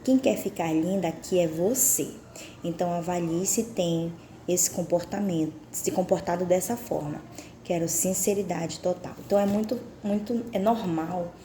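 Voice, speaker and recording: Woman, low warm voice; devotional book reading with reflective, confessional asides, in a roomy space. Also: a little hiss or hum. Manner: reflective, confessional, asks the listener direct questions. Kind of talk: reading a book aloud with personal commentary.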